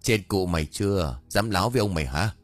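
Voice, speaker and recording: A sly, grumpy old exorcist from a spoken ghost story, done by a man. His voice sits low and swings widely as he grumbles, scolds and curses under his breath. The read is dry and close, with faint music underneath. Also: animated, fast talker, no echo. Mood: gruff grumbling. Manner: gruff, scolding, mutters curses.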